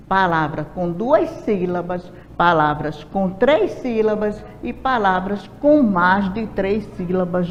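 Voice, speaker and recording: Brazilian woman teacher, slow and patient, dull lo-fi track in a reverberant room. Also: mid-range voice. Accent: Brazilian Portuguese. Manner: slow, patient, asks rhetorical questions. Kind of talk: recorded classroom lesson.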